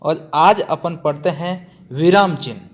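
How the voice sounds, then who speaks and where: This man's voice sits on the high side and moves a little slowly. He's running a grammar lesson for an exam, posing questions to his students and answering them himself while stressing and repeating the key terms.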